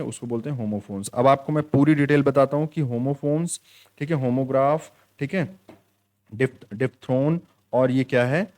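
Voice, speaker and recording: A man teaching an exam-prep lesson to students, explaining in Hindi and reading English quiz lines slowly, with frequent repeated check-ins. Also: medium pitch, darkish tone. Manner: repeats "ठीक है" often.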